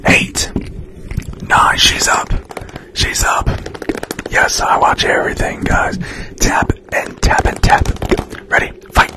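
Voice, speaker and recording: Male streamer, breathy whisper throughout, casual and chatty, running an ASMR live. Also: takes it slowly, long pauses. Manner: whispering, chatty, thanking viewers for gifts. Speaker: livestream host.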